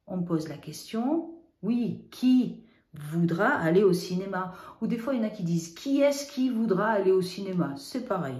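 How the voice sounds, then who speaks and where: Female teacher, patient lesson voice, mellow tone, echoey room, spells out letters, asks and answers her own questions. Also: on the low side. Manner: stresses word endings by spelling them out letter by letter.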